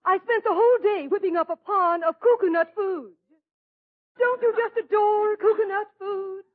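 An effusive, self-pleased lady in a vintage radio comedy. Her voice is very high and theatrical. The recording is thin and tinny. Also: steady tone, moderate pace. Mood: gushing, airy. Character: gushing, airy, self-pleased comic lady. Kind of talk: old-time radio comedy acting. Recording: tinny band-limited old radio recording.

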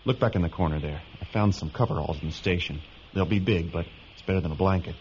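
An actor playing a gruff, reluctant rescuer who talks like a practical field medic in an audio drama. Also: male voice, low-pitched, quick pace, darkish tone, natural voice. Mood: curt, practical. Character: gruff, reluctant male truck-driving rescuer, kind underneath. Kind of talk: dramatic audio fiction acting. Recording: dull, noisy audio drama recording.

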